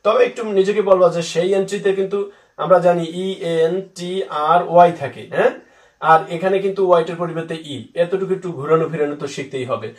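Guy teaching spelling tricks, kinda high voice, slow n patient, sounds a bit off-mic in an echoey room. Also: recorded from a distance. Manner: patient, repeats and spells words out slowly. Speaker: English teacher. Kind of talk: spelling lesson for students.

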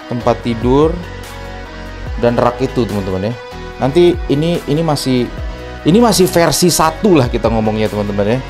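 A tired man vlogging casually in a bare room with a strong echo, chatting to his viewers as friends. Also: mid-range voice. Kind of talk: casual vlog chat, room tour. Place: bare, echoey new rented house, indoors. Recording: echoey bare room, faint music.

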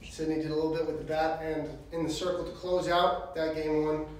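A man reporter asking measured questions at a press conference. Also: on the high side, flat delivery. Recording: distant, very echoey room.

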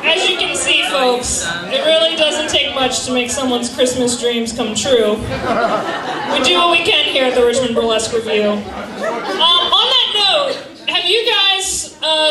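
A woman's voice: sits high, expressive, a little slow. A young woman hosting a burlesque revue, projecting teasing, sardonic comic banter to an audience from a theatre stage. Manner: projecting to a crowd. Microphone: handheld microphone through PA, picked up from afar. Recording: echoey theatre, distant camera, loud crowd noise. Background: laughing, noisy audience.

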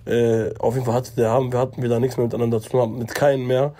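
A man's voice: medium pitch, flat delivery, fast talker, warm tone. A man in his twenties telling a story casually to his viewers, chatty and direct. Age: 20s. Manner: chatty, addresses viewers as guys, fills with "ne?".

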